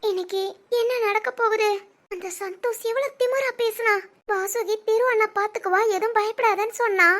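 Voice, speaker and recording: Lady playing a worried little-sister college girl, tirunelveli accent, really high voice. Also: steady tone, normal speed, a bit bright. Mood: fretful. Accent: Tirunelveli Tamil. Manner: fretful, pleading. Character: anxious young college girl, younger sister.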